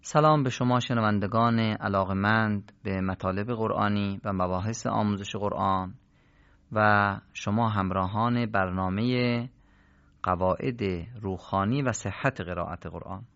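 A man's voice: fairly low pitch, creaky, fairly bright tone, smooth. Man teaching Quran reading, lo-fi audio. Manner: explanatory, asks rhetorical questions and answers them. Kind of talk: recorded lesson. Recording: dull lo-fi audio.

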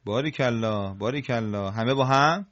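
A man leads a recitation class, explaining each rule calmly and praising his students as he goes. He chants the example phrases slowly, his voice rising above its usual mid-range speaking pitch. The recording is muffled and lo-fi. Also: heavy background noise. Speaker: Quran recitation teacher.

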